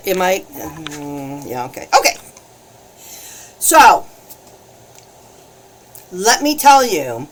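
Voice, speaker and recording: A bubbly, chatty woman talks viewers through a live painting session, and she laughs often. Her voice swings up and down a lot as she greets people and explains her supplies. It sits at an ordinary middle pitch. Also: a little hiss or hum. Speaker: alcohol ink painting host. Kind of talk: casual live-stream painting demo.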